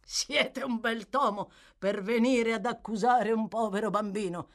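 A woman reading aloud, voicing a bullying, sneering male magistrate who barks loud, scornful orders in an audiobook. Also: on the high side, fairly even intonation, unhurried, voice pushed up. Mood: harsh.

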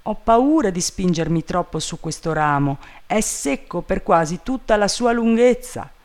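A man voicing an eager, simple-minded male servant calling down from a tree, in a high, drawling, plaintive voice. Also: animated, unhurried.

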